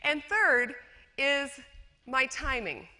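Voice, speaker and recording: Her voice sits high with lively intonation, and she takes it slowly in a bright, forceful tone. This woman educator from rural western New York, USA, gives a chatty, self-deprecating slide talk at a conference, full of fillers and restarts. The lecture hall gives the recording a long reverb.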